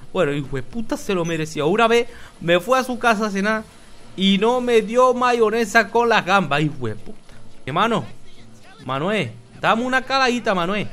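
Man doing a stoner game character, high-pitched, rambling, swearing, hotheaded, faint background music. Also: fairly bright tone. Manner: rambling, swearing, keeps calling people "my brother". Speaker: gaming YouTuber in character. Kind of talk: comic in-character commentary over gameplay.

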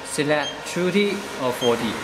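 A man explaining the settings of a welding machine in a measured, step-by-step voice-over, stressing key words. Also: a little high, animated, echoey room, long reverb tail, background noise. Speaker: product demonstrator. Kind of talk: product demonstration voice-over.

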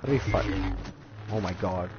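A man giving casual gameplay commentary, excitable and giggly, often exclaiming at the screen. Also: low-pitched, measured pace, over a noisy crowd. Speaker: gamer streaming gameplay. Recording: dull lo-fi mic with game music.

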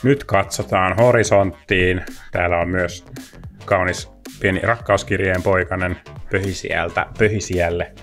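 A man with a fairly low voice talks through a beer tasting in a relaxed, chatty way. He thinks aloud between sips. Faint music plays in the background. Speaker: beer reviewer. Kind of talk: casual tasting review.

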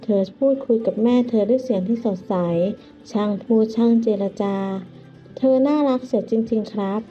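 A gentle woman narrator tells the story in a chatty, homely way, her voice fairly high. Soft music plays behind her. The sound is muffled and lo-fi. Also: fairly even intonation, normal speed. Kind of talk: storytelling narration in first person as an old man. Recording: dull lo-fi with music.

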